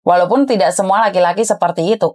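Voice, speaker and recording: A woman's voice: fairly low pitch, quick pace, dark tone. A woman hosting an advice show, giving frank, lecturing advice to a caller. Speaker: advice host. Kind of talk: advice chat.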